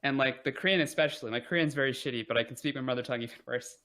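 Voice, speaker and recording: A young guy on a podcast races through a casual conversation in a mid-range voice. Laid-back and meandering, he keeps dropping "like" and making jokes at his own expense.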